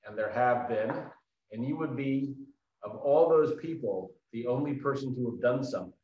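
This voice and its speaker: A man's voice: mid-range voice, moderate pace, dark tone. Dry teasing guy as podcast guest, casual chat, echoey room, bit muffled. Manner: wry, dry humor, teasing. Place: indoors, in-person podcast recording. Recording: echoey room, slightly dull sound.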